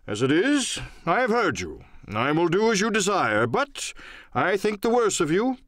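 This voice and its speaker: A pompous, blustering squire, played by a man in an audio adventure play. His raised voice swoops emphatically, excitable and quick to take offence. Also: sits high, dry recording, clean studio sound, pitched above the performer's own voice, full character voice. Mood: huffy. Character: blustering, indignant, loose-tongued country squire gentleman. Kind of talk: audiobook radio-play acting.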